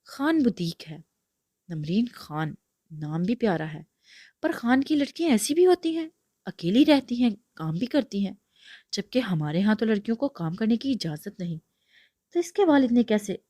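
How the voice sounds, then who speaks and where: A woman's voice: mid-range voice, very animated, warm tone, no echo, studio quality. A woman reading aloud, voicing a confident young male boss in a playful, self-assured way. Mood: musing.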